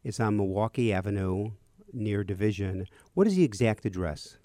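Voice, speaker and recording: Older male priest-host for a talk radio slot: dark, mellow tone, dry close sound, chatty and friendly. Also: on the low side, animated, moderate pace, no echo. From Chicago area. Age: 60s. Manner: chatty, reminiscing.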